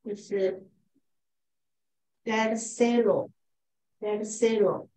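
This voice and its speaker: A woman student speaks slowly over a video call. She reads each word with care. She asks questions about where the stress falls. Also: mid-range voice, steady tone, dark tone. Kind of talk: reading words aloud in class.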